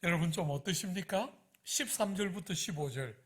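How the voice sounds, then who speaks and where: A man giving a sermon as pastor of a church, animated and addressing the congregation directly with questions. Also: sits high, moderate pace, crowd noise.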